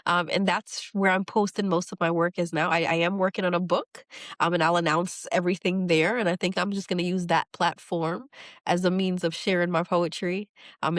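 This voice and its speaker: In clean studio audio with no room sound, a middle-aged woman from New York speaks in a lowish voice. A poet being interviewed, she reflects earnestly, often going back to restart and repeating words as she thinks.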